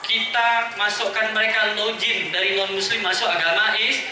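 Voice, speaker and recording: A man in his thirties with a Medan accent preaches an emotional storytelling sermon, lively and chatty with playful asides. His voice is high and very bright. It rings heavily through a big echoey hall. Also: normal speed, far from the mic, slight background noise. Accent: Medan Indonesian. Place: mosque hall at a religious gathering.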